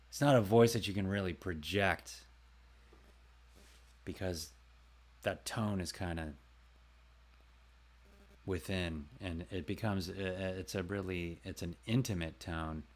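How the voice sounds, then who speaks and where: A man hosting his own livestream, chatting casually and a bit rambling, talking to viewers by name about his voice work. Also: low-pitched. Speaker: livestream host and voice actor. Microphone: close desk mic.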